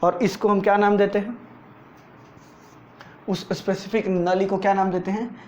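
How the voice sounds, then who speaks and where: A man's voice: sits high, flat delivery, moderate pace, a little mellow. A male teacher giving a board lecture to school students, asking rhetorical questions, answering them himself and repeating key terms. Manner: repeats key terms, often tags "theek hai". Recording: dull lo-fi recording with faint noise.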